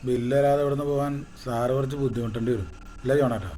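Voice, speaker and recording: A man's voice: medium pitch, steady tone, fast talker, warm tone, slight background noise, natural voice. An actor playing a cheeky waiter who drawls lines in support of his boss, in a film scene with music audible. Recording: film soundtrack with clear music.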